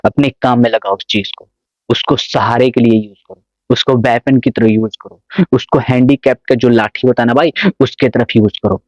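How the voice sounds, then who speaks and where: A man's voice: medium pitch, steady tone, normal speed, dry recording, muffled recording. A man vlogging casual motivational advice to camera, coaxing, often checking that viewers understand. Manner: coaxing, keeps asking if you understand.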